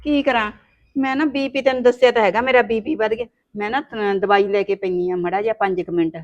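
A woman's voice: mid-range voice, steady tone, brisk, lo-fi sound, lightly acted. A woman, playing a scheming daughter-in-law who scolds and wheedles in a village family drama. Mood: wheedling. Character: sharp-tongued scheming young daughter-in-law.

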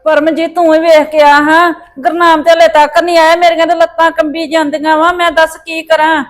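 An older woman acts out a grandmother in a homemade family drama, high-pitched and lamenting. Her voice wails and frets, caught up in grief. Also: flat delivery, brisk. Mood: fretful. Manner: wailing, lamenting. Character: distraught grandmother whose grandson is missing. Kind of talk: amateur family drama acting.

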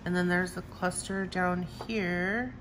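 A crafting vlogger with a fairly low, fairly bright voice shows off her new stamps slowly and with fairly even intonation, gushing "I love" and "so cute" about each one even while she has the hiccups. The low-quality recording carries a little hiss or hum.

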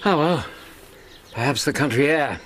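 An actor playing Doctor Watson, a kindly, loyal companion who speaks gently and reassuringly, in a radio drama. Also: male voice, a little high, expressive, moderate pace, noisy background, natural voice. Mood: gentle. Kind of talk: 1990s radio drama acting.

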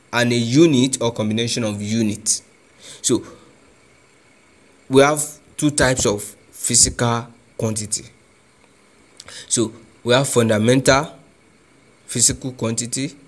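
A man with a Nigerian English accent teaching a physics lesson, speaking deliberately and repeating key phrases, often starting with "so". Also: medium pitch. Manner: frequent "so" as a connector. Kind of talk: classroom lesson.

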